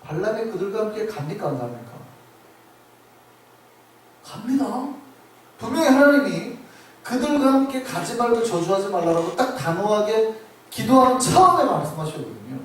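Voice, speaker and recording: A man's voice: high voice, sing-song, normal speed, long pauses, very echoey. A male pastor preaching a sermon emphatically, putting questions to the congregation, recorded from far off in a church sanctuary.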